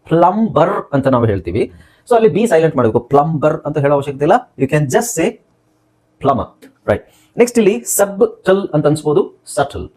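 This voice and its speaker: Teacher, lively and repetitive. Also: male voice, a little high, slightly rough. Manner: explains step by step, spells words letter by letter and repeats them; asks the class questions and answers them himself. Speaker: English teacher. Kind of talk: spoken English lesson in Kannada.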